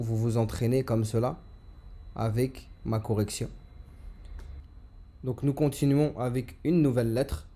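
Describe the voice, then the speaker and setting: Soft-spoken, slow, mellow male teacher. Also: medium pitch. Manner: explains calmly, then reads words slowly and loudly for repetition. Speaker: Arabic teacher. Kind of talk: alphabet reading lesson.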